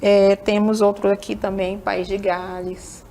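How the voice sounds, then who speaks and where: A woman's voice: medium pitch, little pitch movement, unhurried, warm tone, slight background noise. A woman English teacher with a northern Brazilian accent, giving a recorded classroom lesson and often checking in with tag questions. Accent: northern Brazilian, Amazonas. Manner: peppers talk with tag questions to students.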